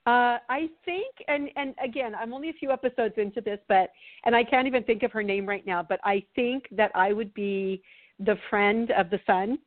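A woman's voice: fairly high pitch, moderate pace, narrow, tinny audio. A woman guest on a radio talk show, chatting casually and rambling with many fillers. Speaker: guest psychic. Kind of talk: casual chat.

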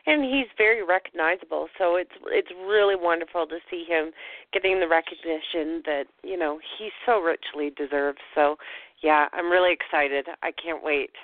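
A woman's voice: fairly low pitch, normal speed, no room sound. A woman co-hosting a casual radio show, chatting in an enthusiastic way. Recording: thin dry phone line.

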